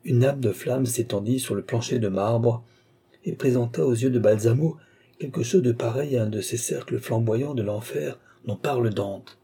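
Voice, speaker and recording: Working as an audiobook narrator, a man reads a classic novel aloud in a steady, measured manner. His voice is mid-range and husky.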